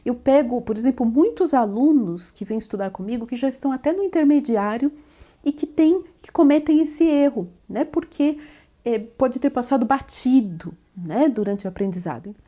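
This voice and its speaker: High-voiced woman teaching French. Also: lively intonation, normal speed, mellow. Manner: patient, explanatory, often adds "né?". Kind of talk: online language lesson.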